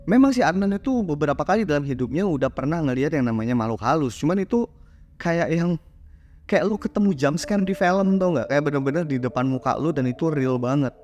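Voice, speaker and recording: A man's voice: fairly high pitch, darkish tone. Chatty man telling a horror story. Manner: slangy, chatty, acts out the characters' quoted lines.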